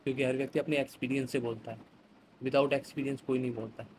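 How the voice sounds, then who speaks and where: A man's voice: mid-range voice, flat delivery, fairly quick, background noise. A man teaching an exam vocabulary lesson in a chatty way, explaining with everyday examples and reading phrases. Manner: chatty, explains with everyday examples, mixes English words into Hindi.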